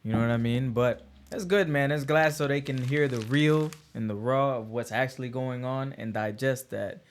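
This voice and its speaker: Laid-back affirming podcast host, mid-pitched man. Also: normal speed. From Guyana. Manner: relaxed, affirming, lots of "man" and "like". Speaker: podcast host, military veteran. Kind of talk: casual podcast chat.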